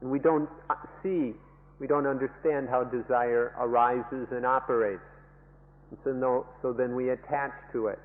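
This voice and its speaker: A man interprets a dharma talk at an extremely slow, deliberate pace, stressing each point and saying it again in new words. His voice rings with a long hall reverb, and the sound is narrow and phone-like, from an old archival recording. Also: mid-range voice, steady tone. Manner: emphatic, restates each point in several wordings.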